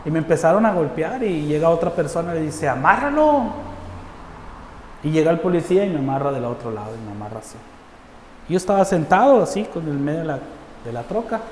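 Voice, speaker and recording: A man's voice: on the high side, expressive, fast talker, a little mellow. Earnest northern Mexican man, echoey hall. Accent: northern Mexican Spanish. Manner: earnest storytelling that acts out quoted dialogue. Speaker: testimony speaker. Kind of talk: personal conversion testimony. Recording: roomy hall reverb with faint background noise.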